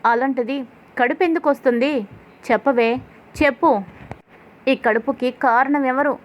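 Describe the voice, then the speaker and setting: A woman's voice: high voice, fairly even intonation, moderate pace, lightly acted. Harsh scolding young husband, as a woman reads him. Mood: angry. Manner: shouting, scolding, rough insults.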